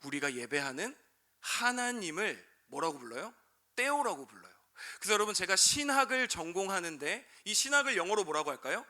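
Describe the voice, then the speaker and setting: Preaching to a high school crowd, this young youth pastor in his twenties sounds brisk, bright and forceful, with big swings in pitch. He repeatedly addresses his listeners directly and answers his own questions.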